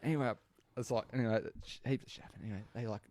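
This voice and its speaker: A man's voice: medium pitch, very fast, a little mellow, no echo. A young Australian man telling a rambling, crude story in casual podcast chat, laughing as he goes.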